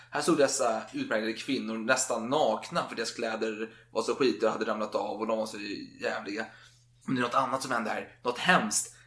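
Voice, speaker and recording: A man's voice: mid-range voice, a bit bright. A man telling a history story in a loose, chatty way, with plenty of casual swearing. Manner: chatty, swears freely, acts out quotes. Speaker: podcast co-host. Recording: roomy echo.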